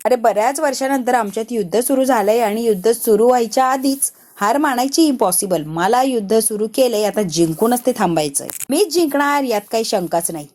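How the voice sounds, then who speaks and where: A stubborn film producer lays down the law and refuses to bend, as a woman narrator puts him on. The delivery is mellow and slightly high. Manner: domineering, determined.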